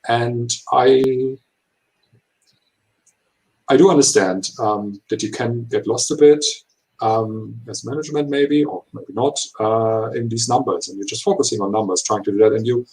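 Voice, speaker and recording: A man of 39 who is not a native English speaker gives interview answers in halting, imperfect English full of hesitations. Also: mid-range voice, fairly even intonation, a little mellow, poor audio. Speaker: HR professional being interviewed.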